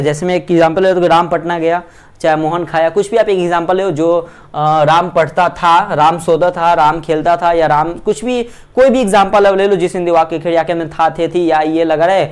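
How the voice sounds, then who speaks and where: Man, high voice, grammar lecture, repeats rhetorical questions. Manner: repetitive rhetorical questions, slowly spells out structures. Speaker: English teacher. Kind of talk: Hindi lecture on English grammar.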